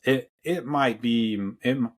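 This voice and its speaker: A podcast host with a mid-range voice speaks a little slowly. He chats casually about films, with many fillers and restarts.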